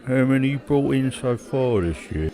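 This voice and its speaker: Over music, a man voices a middle-aged criminal veteran with a British accent, using a medium-pitched, expressive delivery at a moderate pace that is lightly acted. It is naturalistic audio drama: the hard-drinking character talks casually and plainly, world-weary and coolly detached.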